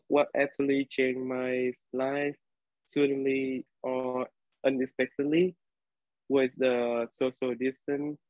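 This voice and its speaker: A young Vietnamese college student with a medium-pitched voice and a Vietnamese accent hesitantly tells a class story, using many fillers. He's on a video call from his living room, and his laptop webcam yields dry, tinny audio without room sound.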